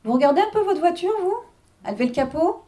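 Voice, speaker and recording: A woman's voice: very high voice, animated, quick pace, mellow. A woman working as a medium at a live reading, chatting with the audience, checking in constantly and laughing often. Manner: chatty, constant "hein" and "d'accord" check-ins, frequent laughs.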